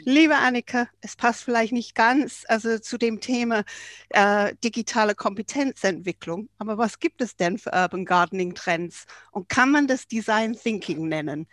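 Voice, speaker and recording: An English woman co-hosts the podcast in German with an English accent, introducing the guest and slipping in playful, teasing questions. Her voice is slightly high and recorded dry and close. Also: moderate pace, fairly bright tone, no echo. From England. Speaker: podcast co-host.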